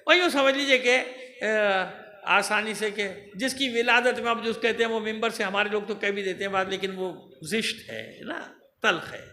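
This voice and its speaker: Cleric guy preaching, high bright voice, scolding and emphatic, roomy hall w/ faint hum. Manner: admonishing, emphatic orator. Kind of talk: Muharram majlis sermon. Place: large prayer hall.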